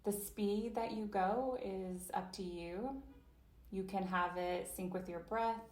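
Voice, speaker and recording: In an echoey room, a woman with a mid-range voice and steady tone interprets a guided chair yoga session. Her delivery is slow and gentle, full of long pauses and soft invitations.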